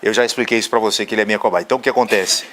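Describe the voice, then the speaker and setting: A man teaching an online Portuguese grammar class, lively and jokey, who asks questions and answers them himself. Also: on the low side, very fast, a little hiss or hum. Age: adult, father of a young son. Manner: jokey asides and playful anecdotes. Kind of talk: recorded online class lecture.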